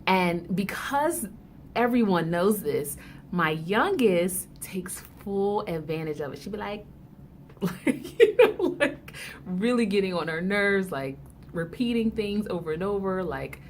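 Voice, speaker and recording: A woman's voice: medium pitch, animated, slow pace, slight background noise. A mother hosting her own video blog from home, talking casually to camera in a slangy, chatty way and laughing often. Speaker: vlog host. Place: indoors at home.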